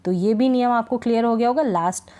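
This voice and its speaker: A woman teaching English reading in Hindi, drilling word lists slowly and checking in with her students over and over. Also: fairly high pitch, dark tone. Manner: slow, repetitive drilling of words, frequent "thik hai" check-ins. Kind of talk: Hindi-language phonics lesson.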